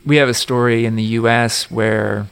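An American man interviewing a footballer, asking prepared questions in a measured way. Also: mid-range voice, fairly even intonation, creaky, clear, resonant tone. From United States.

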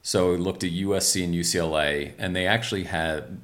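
Man, middle-aged, from Maryland, very low voice, chatty, laughs easily, interview guest. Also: steady tone, brisk, a bit bright. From Maryland, USA. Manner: chatty, laughing, many fillers. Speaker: screenwriter guest. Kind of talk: casual interview chat.

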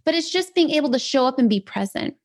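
A woman's voice: sits high, animated, fast. A woman coach hosting a live teaching talk, chatty and upbeat, leaning on "like" and "right?" and laughing often. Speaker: business sales coach, show host.

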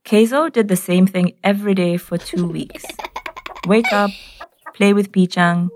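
A woman from Nairobi with a Kenyan accent, narrating a scripted personal story in clear, simple short sentences. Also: medium pitch, fairly even intonation, normal speed, a little mellow.

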